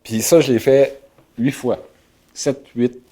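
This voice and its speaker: A man's voice: medium pitch, fairly even intonation, slow pace, dark tone, husky. A man with a Québécois accent, a shepherd and writer telling stories casually with many fillers and restarts. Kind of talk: casual storytelling interview.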